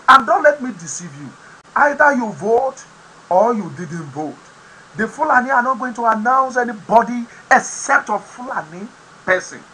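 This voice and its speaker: This host of an online talk program is a Nigerian man whose first language is Yoruba, and he delivers impassioned political commentary punctuated by sudden loud, emphatic bursts. His voice is very high-pitched with a breathy edge, and the audio quality is poor.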